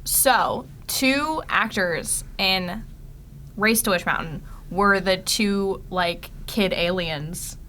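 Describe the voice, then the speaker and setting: A young woman co-hosts a chatty podcast, laughing easily and wandering through her thoughts with plenty of fillers. Her pitch sits in an ordinary middle range, with faint noise behind her. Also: drawn-out words, pushed and bright. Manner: giggly, rambling, lots of fillers. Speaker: podcast co-host. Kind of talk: casual podcast chat.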